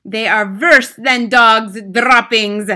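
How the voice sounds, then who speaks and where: A woman's voice: sits high, expressive, a little slow, sharp tone, pitched above the performer's own voice, heavily acted. A woman voicing a furious, commanding female witch queen who screeches and thunders her rants.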